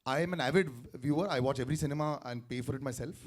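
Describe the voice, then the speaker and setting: A man's voice: mid-range voice, racing. A man with an Indian English accent hosting a press event, mixing Hindi and English as he sets up questions. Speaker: event host.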